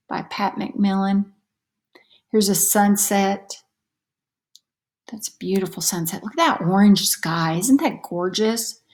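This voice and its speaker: Here a storybook reader with a medium-pitched voice reads a children's story aloud, taking a deliberate, expressive storytelling approach.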